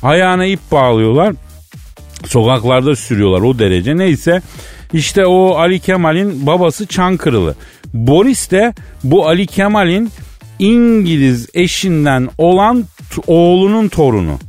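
A man from Elazığ telling a comic story as a radio co-host, chatty and lively. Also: fairly high pitch, measured pace, soft background music. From Elazığ, Turkey. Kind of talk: comic radio banter with a fake phone call.

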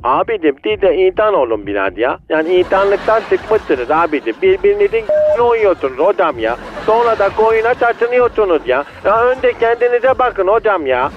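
A man's voice: sits high, very animated, normal speed, hardly any pauses, lo-fi sound, noisy background. A man voicing a drunk, lovesick, streetwise male ram who answers a call over a landline phone. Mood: defensive. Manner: streetwise, self-pitying, calls everyone "hocam".

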